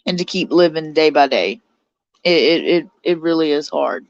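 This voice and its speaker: A woman in her forties hosts a casual live stream from under a blanket in a cold bedroom, chatting and reading out viewer comments while a bit stuffed up from her sinuses. Her voice is low with lively intonation and a moderate pace, on lo-fi audio with no room sound.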